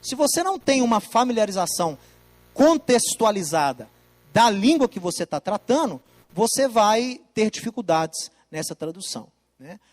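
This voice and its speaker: A man's voice: high voice, very animated, moderate pace. A man gives a Bible lesson over slides, explaining emphatically and repeating his key points. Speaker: Bible teacher. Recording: long reverb.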